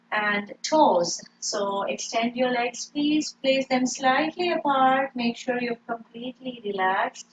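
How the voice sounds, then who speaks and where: A woman leading a yoga lesson, giving slow, calm breathing cues and gentle instructions. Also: on the high side, lo-fi sound, slight background noise.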